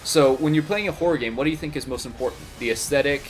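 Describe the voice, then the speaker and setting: A man's voice: fairly high pitch, fast, a little hiss or hum. A man co-hosting a casual podcast chat, leading the talk with rambling questions. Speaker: co-host.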